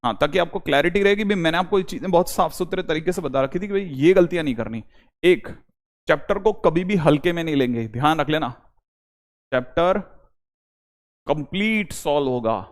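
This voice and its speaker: A young man teaching a maths class online, repeating reminders to his students and switching between Hindi and English. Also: on the high side. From India. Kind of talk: online lecture.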